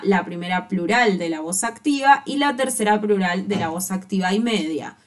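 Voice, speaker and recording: A woman teacher giving a recorded lecture over slides, reading out forms slowly and carefully. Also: medium pitch.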